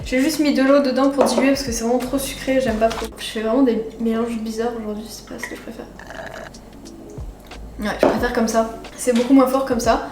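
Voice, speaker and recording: A woman's voice: fairly high pitch, fairly even intonation, fairly quick. A young woman casually talking to her viewers while eating, chatty and giggly. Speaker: vlogger. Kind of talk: casual food challenge vlog. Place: home kitchen. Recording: echoey room with music behind.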